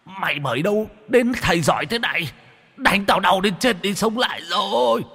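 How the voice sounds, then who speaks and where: A man voicing a tormented young male ghost in a ghost story, shrieking and pleading in a shrill cry. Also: expressive, normal speed, creaky, bright, forceful tone, slightly rough, in a large hall, soft background music, exaggerated voice. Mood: wailing.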